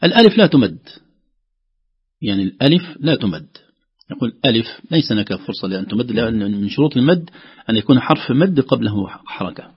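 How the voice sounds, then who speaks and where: Husky guy giving a tajweed lesson, stretches sounds out to show them, dull lo-fi radio sound. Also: medium pitch, expressive, fast. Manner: explains step by step and drags out sounds to demonstrate. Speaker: Quran recitation teacher.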